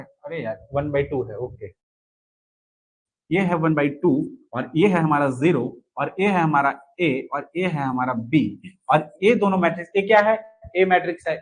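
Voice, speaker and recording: High-pitched teacher, quizzing students. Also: male voice, rough recording. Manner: asks students to answer and comment, repeats key points. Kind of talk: online lesson solving exam questions.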